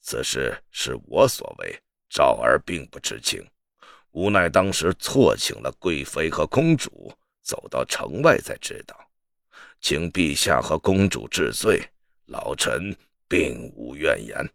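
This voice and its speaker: A man playing a solemn, loyal old general in an audio drama, speaking in a grave, measured way. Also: very deep voice, big pitch swings, gravelly, a bit bright, no echo, studio quality, heavily acted. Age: older.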